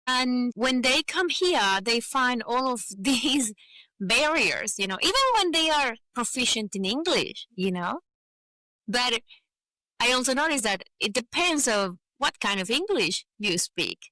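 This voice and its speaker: The voice is fairly high, bright and forceful: a Venezuelan woman, native in Spanish, guesting on a podcast as an advocate for migrant professionals. She earnestly explains her points in conversation, peppering them with "you know." Audio is dry and poor.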